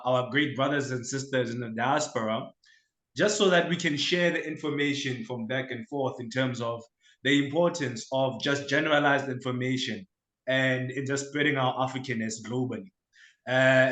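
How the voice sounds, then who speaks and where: A man from Lesotho hosting a casual interview show, relaxed and informal, with filler pauses. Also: mid-range voice. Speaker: podcast host. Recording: echoey room.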